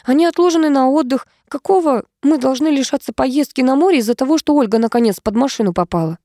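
A woman's voice: sits high, mellow, no room sound, clean studio sound, pitched above the performer's own voice. Woman doing a brash young blonde, blurting. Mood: indignant. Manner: blurting, rapid, scornful.

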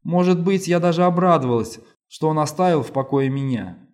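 A man's voice: a little high, brisk, darkish tone, pitched above the performer's own voice, natural voice. A man voicing a determined woman police lieutenant who speaks firmly and insistently, in an audiobook reading. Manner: firm, insistent.

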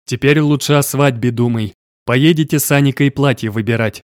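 A male narrator voicing an easygoing middle-aged father who defends his son and calms his wife. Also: medium pitch, normal speed, dry recording, clean studio sound, lightly acted. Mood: placating. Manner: placating, snorting.

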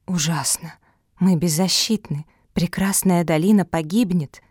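A woman's voice: on the low side, a little slow, a little mellow, slightly rough, no echo, studio quality. A woman voicing a timid, anxious female pug in an audiobook for children, speaking fearfully.

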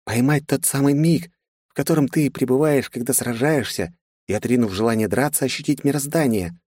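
A man's voice: medium pitch, a little fast, a little mellow, breathy edge, dry recording, clean studio sound, voice pushed up, lightly acted. Azril, a stern female mentor, voiced by a man. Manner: stern, instructive.

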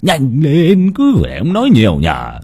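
A man voicing a lecherous, bullying old village landlord with a gruff, sneering manner. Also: a little high, wildly swooping pitch, a little slow, dark tone, pitched above the performer's own voice, exaggerated voice. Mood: bossy.

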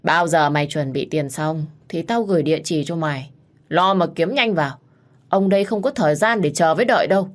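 Woman reading as a menacing male debt collector, loud and harsh, storybook voice. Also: low-pitched, fairly quick, lightly acted. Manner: loud and threatening. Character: brutal male loan shark thug.

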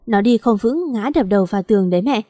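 A woman voicing a harsh, impatient older sister with a sharp, scolding manner. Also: medium pitch, animated, quick pace, no echo, studio quality, lightly acted.

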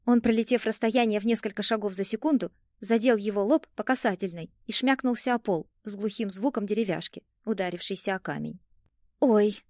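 A woman narrating a first-person audiobook in a lively, expressive storytelling manner. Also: mid-range voice, fairly quick, hardly any pauses, dry recording, clean studio sound.

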